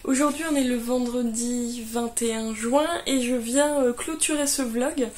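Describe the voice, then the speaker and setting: A young woman chatting casually about her knitting, halting often with fillers and restarts, a little tired. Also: on the high side, steady tone, darkish tone, a little hiss or hum. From France. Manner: hesitant, many fillers and restarts. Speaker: knitting vlogger. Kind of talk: casual chat.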